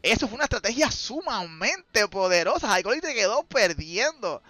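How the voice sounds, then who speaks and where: A man calling a mobile game tournament as play-by-play commentator, joking and exclaiming loudly at big plays. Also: high-pitched, sing-song, normal speed, no echo.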